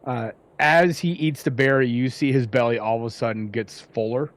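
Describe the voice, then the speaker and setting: Halting man narrating as game master. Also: mid-range voice, fairly even intonation. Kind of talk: improvised tabletop game narration.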